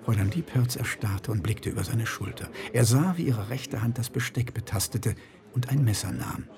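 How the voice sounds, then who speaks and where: A man narrating an audiobook in an expressive, wry storytelling manner. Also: medium pitch, moderate pace, crowd noise. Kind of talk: scripted narration.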